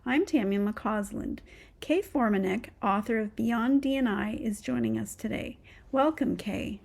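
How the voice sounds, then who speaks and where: A woman hosting a podcast, reading scripted introductions and clear questions. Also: on the high side, unhurried, darkish tone. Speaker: podcast host. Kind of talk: podcast interview.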